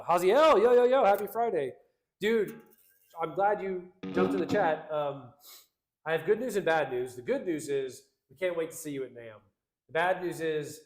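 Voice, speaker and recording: Slangy upbeat man in an echoey room. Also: fairly high pitch. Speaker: livestream co-host reading chat. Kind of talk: casual chat.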